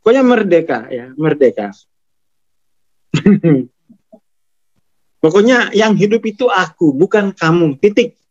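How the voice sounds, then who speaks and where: Slow, laughing Javanese-accented man. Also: high-pitched, animated, breathy edge, highs cut off. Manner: chuckles often, acts out scolding inner voice. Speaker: spiritual teacher. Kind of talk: casual spiritual talk.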